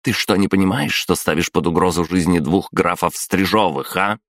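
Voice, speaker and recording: A man voicing a calm, firm young noblewoman who keeps her composure under threat. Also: low-pitched, moderate pace, dry recording, voice pushed up. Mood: commanding. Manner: firm, unflappable.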